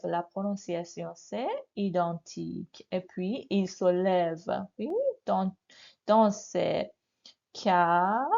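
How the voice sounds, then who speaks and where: Very slow-speaking woman teaching French. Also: medium pitch, mellow, muffled recording. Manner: very slow, repeats words, often asks "n'est-ce pas?". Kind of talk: slow beginner grammar lesson.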